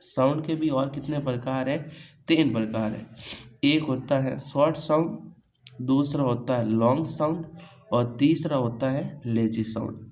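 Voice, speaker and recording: This English teacher from India runs a coaching-class pronunciation lesson, repeating main points as questions to students and answering his own questions. He has a medium pitch, a darkish tone, and a measured pace, though the audio is poor.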